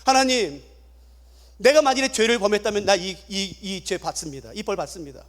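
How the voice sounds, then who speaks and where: A man's voice: sits high, a little fast, fairly bright tone. A man voicing a persecuted believer who cries out to God in anguish. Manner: anguished, imploring.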